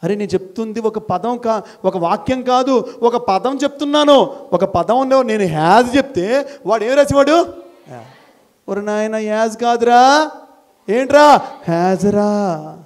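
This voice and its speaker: A middle-aged man from India, a school principal, giving an animated motivational talk to college students, firing rhetorical questions and repeating key phrases for emphasis. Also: very high-pitched, normal speed. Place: college gathering, addressing students.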